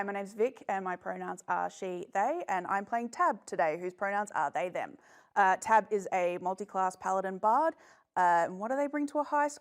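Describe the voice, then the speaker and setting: A woman chatting informally as a player in a tabletop role-playing game. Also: medium pitch. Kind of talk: casual tabletop chat.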